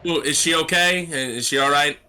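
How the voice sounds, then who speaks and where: A man's voice: a little high, moderate pace. A man playing a tabletop role-playing game, casually bantering in character and often repeating his phrases.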